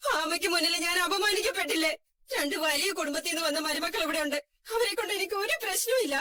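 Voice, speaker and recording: A woman voicing a scheming older mother-in-law in a fan dub of a TV serial, with a shrill, whining, accusatory manner. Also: fast, pushed and bright. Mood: tearful. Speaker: fan dubber.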